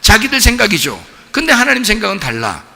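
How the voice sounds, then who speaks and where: A male pastor preaching a sermon in a blunt, joking way, with sudden shouts and chuckles. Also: high-pitched, fast talker, gravelly, slightly rough, in a large hall. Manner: animated, bursts into shouts, chuckles; blunt casual banter with the congregation. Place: church sanctuary.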